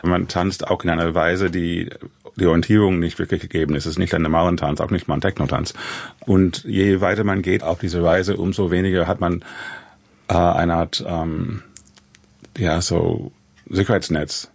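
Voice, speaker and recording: Deep gravelly man. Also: steady tone, darkish tone, no room sound. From USA. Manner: thoughtful, halting, with many restarts and fillers. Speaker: composer. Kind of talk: interview conversation.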